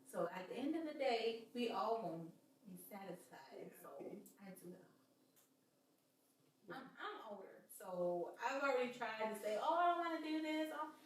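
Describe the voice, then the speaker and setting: A woman's voice: medium pitch, expressive, unhurried, heavy reverb, recorded from a distance, a little hiss or hum, low-quality recording. A woman co-hosting a podcast, chatting casually with wry, teasing remarks. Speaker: podcast co-host. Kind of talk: casual chat.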